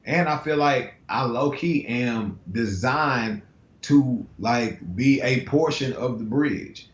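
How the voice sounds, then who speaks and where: Speaking slowly in a mid-range voice, a guest artist from the United States keeps things casual and laid-back on a video call, using slang, many fillers and frequent restarts. The call audio is roomy, dull and low-fidelity.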